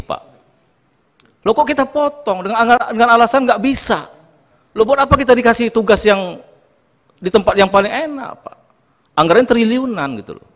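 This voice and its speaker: A man's voice: high-pitched, fairly bright tone. A man chairing a parliamentary committee hearing, pleading emphatically and repeating his address to the minister again and again. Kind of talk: impassioned hearing speech. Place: large parliamentary meeting room. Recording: long reverb in a hearing chamber.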